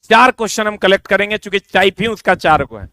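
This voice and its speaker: A middle-aged male coaching teacher, talking informally and repetitively as he pitches a course to exam students. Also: lively intonation, fast, bright, forceful tone, dry recording. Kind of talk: promotional explanation to exam students.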